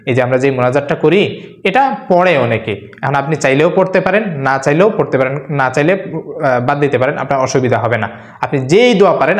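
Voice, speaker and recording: A man calmly explaining how to pray, step by step, and reciting Arabic prayers as he teaches. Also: fairly high pitch, roomy sound. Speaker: Islamic teacher. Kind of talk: religious instruction video.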